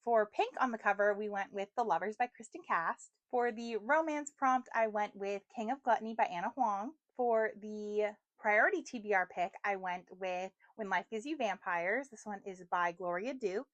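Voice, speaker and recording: A woman's voice: mid-range voice, normal speed, few pauses, fairly bright tone, dry recording, lo-fi sound. A young woman vlogging about books in a chatty, rambling way, full of fillers, recorded on a phone. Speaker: book vlogger. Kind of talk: casual chat.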